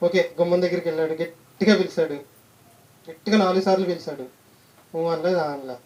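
Mellow-voiced preacher telling a story. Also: medium pitch, fairly even intonation, brisk. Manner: storytelling, asks the listeners questions. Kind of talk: sermon with a humorous anecdote. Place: church gathering.

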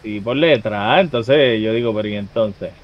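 A man's voice: fairly low pitch, normal speed. Puerto Rican man chatting in a game, muffled. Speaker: online role-play gamer. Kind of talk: casual gaming chat.

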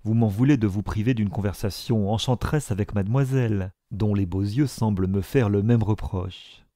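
A man voicing a courteous older gentleman who pays gallant compliments. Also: on the low side, normal speed, no room sound, clean studio sound, close to an everyday voice. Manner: gallant, flattering.

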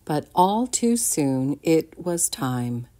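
A woman narrating a picture book for children at an unhurried pace, her lowish voice rising and falling with lots of expression. She stops now and then to ask the young listeners what they think. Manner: expressive, asks listeners questions. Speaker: storytime reader. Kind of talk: children's read-aloud narration.

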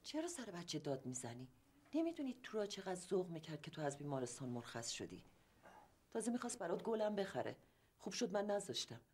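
A woman's voice: on the low side, very animated, a little mellow, husky. An actress playing a firm, caring middle-aged woman who scolds a patient. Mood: scolding. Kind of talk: TV drama acting.

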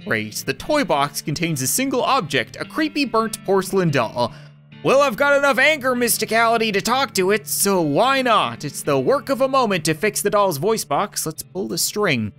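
A man hosts a game playthrough in a lively, theatrical voice. His pitch moves around a lot as he reads aloud and adds wry asides. Guitar music plays underneath, and he is close to the mic. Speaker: gaming video host. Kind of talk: game playthrough commentary, reading text aloud.

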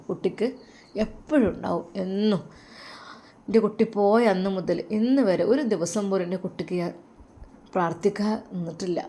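A woman voicing a loving elderly mother who coaxes and comforts her son in a raised, tender voice. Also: lightly acted. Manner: doting, coaxing, higher and brighter.

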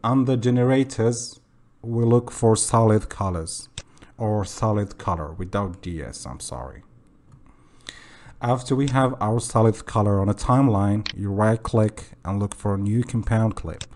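Low, dark-voiced man explaining software. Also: measured pace, a little hiss or hum. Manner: casual, self-correcting, says okay often. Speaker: tutorial host. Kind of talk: software screen tutorial.

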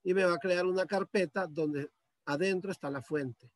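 Guy teaching a zoom computer class, pretty high voice, dry close sound, explains every click slowly. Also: no echo. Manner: patient step-by-step explaining, addressing students. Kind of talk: screen-share computer lesson. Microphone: computer mic on a video call.

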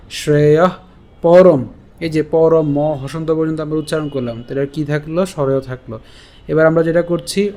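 Guy teaching sanskrit chanting, slow careful syllables, kinda high voice. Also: warm tone. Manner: slow syllable-by-syllable recitation of verses; explains pronunciation, then chants the verse. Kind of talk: online recitation lesson.

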